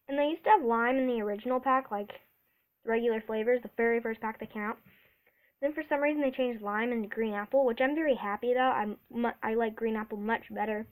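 A woman's voice: a little high, rough recording. A woman vlogging a casual taste test, chatty and eager, reacting aloud as she tries each one.

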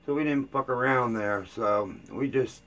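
A man's voice: mid-range voice, a little slow, a bit bright. An older man chatting casually to camera as a vlogger, rambling loosely with plenty of fillers and restarts, and sounding tired. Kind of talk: casual rambling vlog chat.

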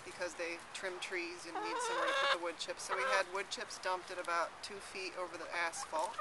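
A young woman who runs an urban farm answers interview questions outdoors in a city garden, thoughtful but full of fillers and restarts. Her voice sits on the low side and comes across very animated and brisk. Loud outdoor noise fills the background of the recording.

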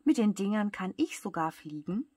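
A woman voicing a cheeky young boy in a bedtime story, with a breathy voice. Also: mid-range voice, sing-song, normal speed, no echo. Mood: mocking. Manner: mocking, shouting.

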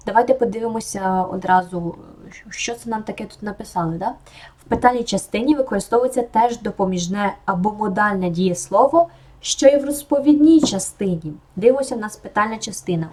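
A young woman with a mellow, warm voice explains English grammar to learners. She speaks calmly and reads her English examples slowly and clearly so the intonation can be heard. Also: mid-range voice. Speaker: English teacher.

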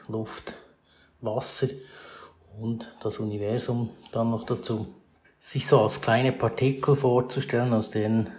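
Mellow-voiced male math teacher, roomy. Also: fairly low pitch. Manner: explanatory, with fillers and self-corrections. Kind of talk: screencast math lesson.

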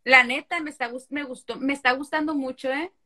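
A tipsy woman chats casually in a loose, easy way. Her voice is high, bright and sharp. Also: fairly even intonation, a little fast. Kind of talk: casual chat.

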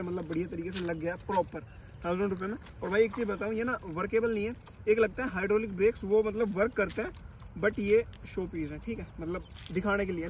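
Young man, casual vlog, high voice, chatty, outdoor roadside, faint traffic noise. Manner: chatty, addresses viewers as bhai, directs cameraman. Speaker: bike vlogger.

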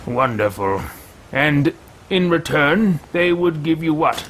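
A man in his thirties plays a let's play at home, voicing a haughty, pompous character into a headset in a room with bookshelves. His fairly high, somewhat bright voice is slow and lively, theatrical with sly asides, over a faint hiss or hum.

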